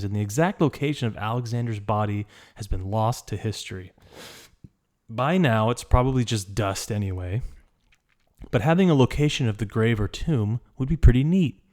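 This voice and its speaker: A man's voice: mid-range voice, a little mellow, lightly acted. A man reading out a listener's letter in a put-on voice as a cocky, foul-mouthed letter writer, with crude, emphatic swearing.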